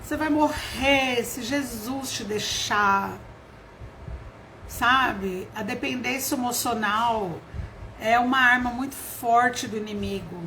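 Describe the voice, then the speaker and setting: A woman's voice: fairly high pitch, slow, bright, forceful tone, slight background noise. A middle-aged woman with a Brazilian Portuguese accent preaching an informal sermon, chatty and storytelling, acting out quoted voices and laughing often.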